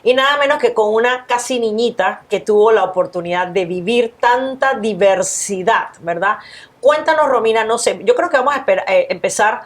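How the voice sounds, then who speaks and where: A woman's voice: fairly high pitch, moderate pace. A woman with a Panamanian accent hosting a talk show, welcoming her guest with enthusiasm and a few hesitations. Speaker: host. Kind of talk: hosted talk show interview.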